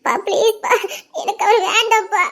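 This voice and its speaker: A woman's voice: very high-pitched, steady tone, brisk, bright, forceful tone. An actress playing a distraught pregnant young woman pleading with her father through tears in a TV serial. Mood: pleading tearful. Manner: pleading, tearful. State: crying. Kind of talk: TV serial drama.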